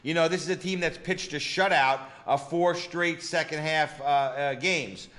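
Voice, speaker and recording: Male co-host, crisp forceful tone on the high side, sure of his picks, casual filler-heavy delivery. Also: a little slow. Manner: confident, peppers talk with "you know" and catchphrases. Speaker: sports betting co-host. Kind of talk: casual betting-picks chat.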